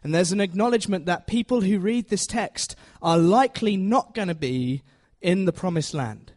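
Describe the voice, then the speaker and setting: A preacher gives a Bible talk to a congregation as an informal, conversational teaching sermon, self-deprecating and frequently checking in with listeners. His voice is high-pitched and a little mellow.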